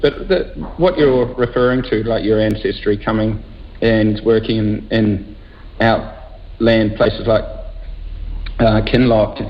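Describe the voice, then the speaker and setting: A man speaking as a guest winemaker, reflecting lyrically on the land and the seasons in a relaxed chat. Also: lowish voice, takes it slowly. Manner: reflective, lyrical about landscape. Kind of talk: casual interview chat. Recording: dull lo-fi with faint noise.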